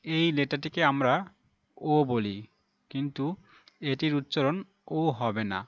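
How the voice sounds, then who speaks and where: A male teacher giving a pronunciation lesson, saying each sound slowly and twice over. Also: medium pitch, fairly bright tone, no room sound, dull audio.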